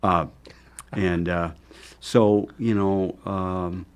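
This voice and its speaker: A man's voice: deep voice, fairly even intonation, clean tone. An older man, a chef guest in a TV studio, talking at a desk mic with lots of fillers and restarts. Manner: halting, many fillers and restarts. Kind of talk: casual studio interview. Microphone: desk microphone on stand.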